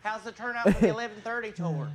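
A woman delivering scripted comedy dialogue with a lively, upbeat manner. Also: medium pitch, fast, crowd noise, close to an everyday voice.

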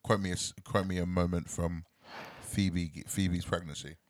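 A man co-hosting a podcast in casual chat, playful and quick to laugh, swearing casually. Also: low voice, steady tone, no echo, studio quality. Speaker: podcast co-host.

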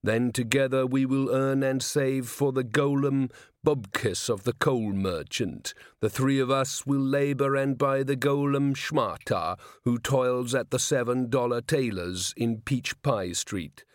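A literal-minded clay golem constable from an audiobook tale speaks slowly and deliberately, each phrase set down with care. A man gives him voice in a dry, close read. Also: medium pitch, no echo, close to an everyday voice. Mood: earnest. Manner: slow, measured, deliberate, flat.

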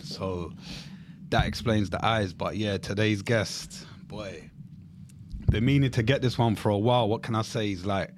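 A man's voice: fairly low pitch, fairly even intonation, measured pace. A man with a London accent hosts a casual interview. He talks in a laid-back, slangy way, like chatting with a mate. Noticeable room noise sits behind his voice. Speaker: podcast host.

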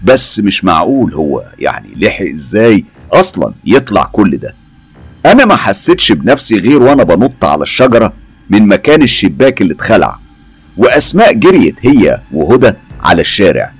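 Egyptian male narrator for a horror story, very deep, husky, lively delivery, faint music underneath. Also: fairly quick, no room sound. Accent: Egyptian Arabic. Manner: dramatic, suspenseful. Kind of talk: first-person horror storytelling.

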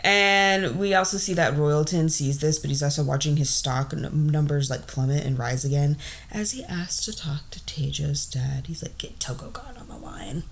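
A woman's voice: deep voice, moderate pace, gravelly. A woman co-hosting a casual podcast, recapping a film with lots of laughter and acted-out lines. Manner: animated, laughs often, acts out characters' lines. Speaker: podcast co-host.

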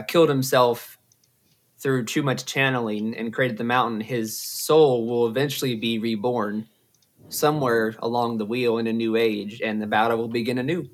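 Man explaining lore, casual podcast host. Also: mid-range voice. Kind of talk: casual book discussion.

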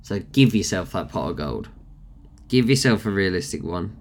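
This young podcast host has a low, sing-song, nasal voice and talks at normal speed. He delivers a casual motivational rant, chatty and blunt, swearing freely.

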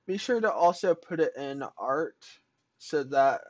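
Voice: mid-range voice, lively intonation, measured pace, dull audio. A podcast co-host chatting casually and playfully, with joking asides, on an online voice call.

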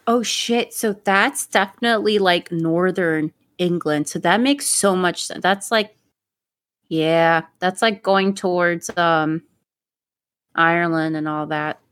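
A woman's voice: lowish voice, slow, fairly bright tone, no echo, clean studio sound. A woman co-hosting a podcast, rambling in casual chat and swearing freely. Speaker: podcast co-host.

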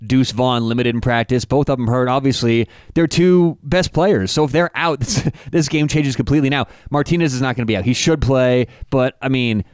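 A man giving a casual, stat-heavy breakdown of college football betting lines, often halting and restarting as he talks. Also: medium pitch, a little mellow, no room sound, clean studio sound. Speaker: sports betting analyst. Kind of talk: casual analytical sports chat.

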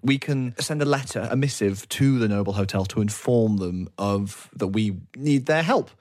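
A man's voice: lowish voice, expressive, moderate pace, darkish tone, close to an everyday voice. A man voicing a meek human receptionist who stammers and apologizes. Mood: flustered.

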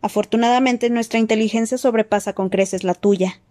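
A woman's voice: fairly high pitch, fairly even intonation, fairly quick, mellow, close to an everyday voice. A woman voicing a proud, fierce male centaur with a stern, roaring manner. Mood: scornful.

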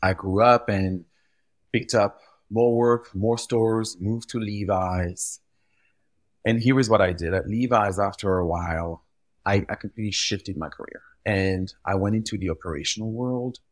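A Belgian guy with a really low voice, French being his first language, is a guest retail visual expert on a conversational podcast interview. He talks in an animated way, stumbling a bit and repeating words while gathering his thoughts. The recording is dry, and his speed is normal.

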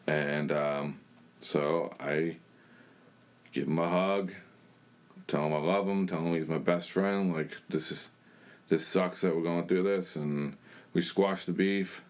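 Very deep-voiced man telling his story. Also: fairly even intonation, slow pace, long pauses. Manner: blunt, plain-spoken storytelling. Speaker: church member sharing his testimony. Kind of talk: personal testimony in conversation.

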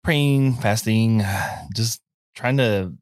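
A man co-hosting a podcast, introducing the guest and joking in quick back-and-forth. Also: on the low side, dry recording, clean studio sound. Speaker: podcast co-host. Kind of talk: casual podcast chat.

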